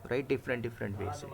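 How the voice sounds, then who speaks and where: An instructor with a gravelly, mid-range voice teaches a live screen-share command-line class, explaining each step as he types and checking in with "right?" and "okay."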